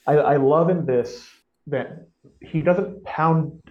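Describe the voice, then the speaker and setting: On dull lo-fi audio, a podcast host speaks slowly in a voice on the high side. He enthusiastically discusses a book in casual chat, reads passages aloud, and frequently restarts his sentences.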